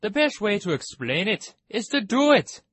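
A woman voicing a solemn, self-important dodo bird who speaks slowly and gravely. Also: medium pitch, big pitch swings, a bit bright, no room sound. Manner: slow, solemn, pronouncing.

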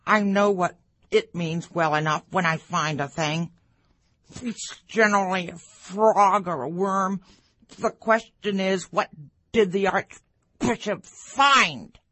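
Guy doing a dopey literal duck, super slow, bright sharp tone, dry. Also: high voice, no echo, heavily acted, rough recording. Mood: matter-of-fact. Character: blunt matter-of-fact duck.

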